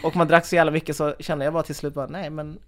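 A woman's voice: low voice, little pitch movement. A woman in her twenties chatting casually as a podcast co-host, telling stories with lots of fillers and laughs. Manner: chatty storyteller, laughs often, many fillers. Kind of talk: casual chat.

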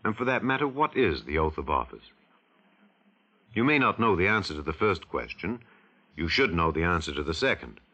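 An American announcer with a low, bright, forceful, husky voice delivers scripted mid-century radio civics narration. His tone is solemn, emphatic and rhetorical, and the vintage radio recording sounds dull.

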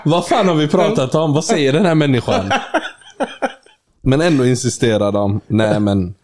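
A man's voice: mid-range voice, a little mellow. A young man co-hosting a casual chat, laughing often and telling stories with mimicked quotes in slangy talk. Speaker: podcast co-host. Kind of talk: casual banter between friends.

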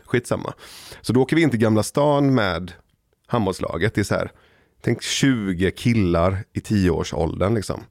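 A man from Gothenburg co-hosting a podcast, telling animated childhood anecdotes. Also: on the low side, no room sound, clean studio sound. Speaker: podcast co-host. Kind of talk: casual chat.

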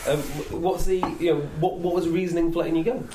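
A man's voice: a little high, level tone, fast, mellow, slight background noise. A man hosting a podcast interview in a jokey, chatty way. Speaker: podcast host. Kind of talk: casual interview chat. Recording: roomy echo.

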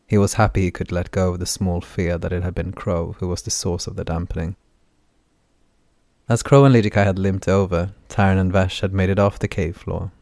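A man narrates a fantasy novel audiobook in a low, steady voice. His delivery stays flat and measured rather than theatrical. The recording is dry and close-miked. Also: gravelly, dry recording. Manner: even, measured reading.

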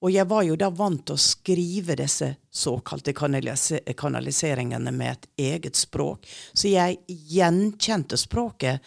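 A middle-aged woman telling her own experiences as a guest in an interview, calm and unhurried, a little halting. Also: sits low, gravelly, no room sound, studio quality. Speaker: guest channeler. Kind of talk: reflective personal storytelling in interview.

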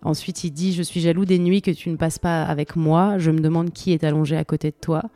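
The speaker, a podcast co-host whose first language is French, chats casually and enthusiastically about song lyrics with many hesitations. She talks briskly in a low-pitched, dark voice with a steady tone.

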